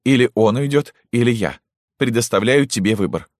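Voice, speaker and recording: In an audiobook, a man voices a tearful young girl pleading dramatically and defiantly with her mother, pitching above his own voice while still sounding natural. He speaks at normal speed with a mid-range, lively delivery, and the recording is dry and clean, studio quality.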